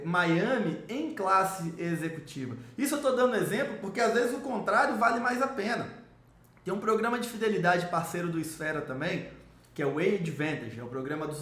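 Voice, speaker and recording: A man from Salvador, giving an enthusiastic, salesy explainer on travel rewards and speaking straight to the viewer. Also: fairly bright tone. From Salvador, Brazil. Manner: enthusiastic salesy pitch, addresses viewer directly. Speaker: miles and travel rewards coach. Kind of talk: promotional explainer video. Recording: roomy echo.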